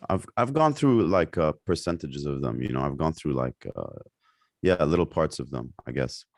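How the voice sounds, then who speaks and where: Very deep-voiced young man from Lebanon. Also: expressive, normal speed, no room sound, studio quality. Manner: rambling, many fillers and restarts. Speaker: podcast guest, singer. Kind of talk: casual interview chat.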